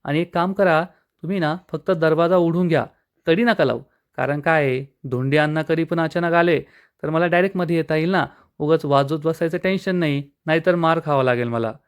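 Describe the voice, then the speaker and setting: Man doing a flustered young husband, defensive, quick protests, a bit high. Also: clean tone, natural voice. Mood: exasperated.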